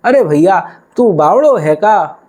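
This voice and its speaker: A young cowherd boy begs to be let go home in a whiny, rustic voice, as a man puts him on. The voice sits high yet soft and mellow, and the pleading comes slowly. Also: lively intonation, exaggerated voice. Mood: bewildered. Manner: whiny, pleading, in Braj village speech.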